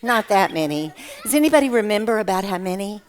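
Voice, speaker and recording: A woman telling a Bible story to children at a church, animated and playful. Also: mid-range voice, quick pace, slight background noise.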